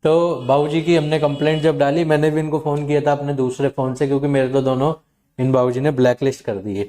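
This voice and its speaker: A man hosting his channel, talking casually and animatedly to viewers and acting out callers' lines in quick quotes. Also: fairly high pitch, fairly even intonation, mellow. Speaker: channel host advising viewers on loan recovery calls. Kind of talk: casual talk to camera.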